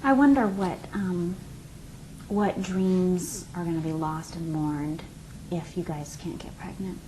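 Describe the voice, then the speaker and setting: A woman acts out a calm female couples therapist with a fairly low voice. She probes gently and reflects back hesitantly, in a therapy role play recorded with some faint room noise. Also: slow, poor audio. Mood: calm, probing.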